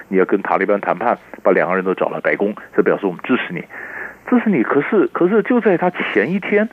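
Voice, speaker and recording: A man, a political science professor explaining world news by phone, animated and repeating words as he builds his points. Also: lowish voice. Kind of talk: radio news analysis over the phone. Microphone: telephone. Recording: tinny phone line.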